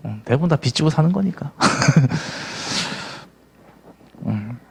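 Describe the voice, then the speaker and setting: A tired middle-aged man lecturing on history for an exam course, his voice sitting a little high for a man. He keeps firing questions at the class and answering them himself, and his complaints are spoken close to the mic. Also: animated, drawn-out words, vocal fry, husky. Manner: tired, grumbling asides then quizzing questions. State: worn out. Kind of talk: online exam-prep lecture.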